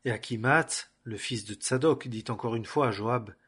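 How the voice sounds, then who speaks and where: Husky-voiced man reading scripture. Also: mid-range voice, fairly bright tone. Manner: measured, solemn reading in short phrases. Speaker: scripture reader.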